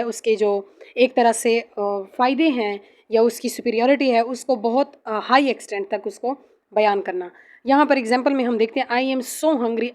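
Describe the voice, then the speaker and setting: A woman teaches a grammar lesson for test preparation. She explains each term slowly and reads definitions aloud, pausing often on fillers. Her voice sits a little high. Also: darkish tone.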